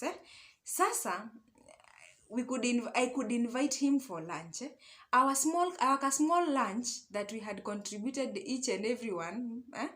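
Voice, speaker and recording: With a fairly high, somewhat bright voice, a young Kenyan woman chats her way through a personal story. She code-switches between Swahili and English and keeps asking little tag questions along the way. By trade, she's an online storyteller and love coach.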